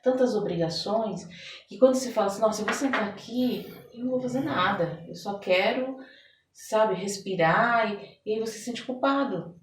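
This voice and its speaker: A Brazilian woman, a therapist and oracle card reader, appears as a podcast guest in conversational interview talk. Her medium-pitched voice moves at a normal speed as she explains things and acts out little quotes to illustrate her points, recorded with a distant microphone and roomy echo.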